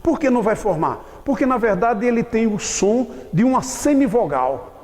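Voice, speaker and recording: A man teaching a grammar lesson, explaining slowly and often checking whether his students have understood. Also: extremely high pitch, very animated, a little mellow, big-room sound. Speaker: Portuguese teacher. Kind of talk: classroom lecture.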